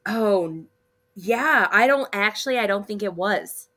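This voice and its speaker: A woman's voice: medium pitch, lively intonation, a little slow, a bit bright. A woman hosting a casual chat, playfully cutting in to set the record straight. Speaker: podcast host.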